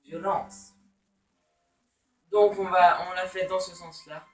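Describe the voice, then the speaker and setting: A man's voice: sits high, flat delivery, slow, reverberant, far from the mic, rough recording. A man giving casual, playful let's-play commentary, teasing opponents with taunts and exclamations. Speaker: gamer.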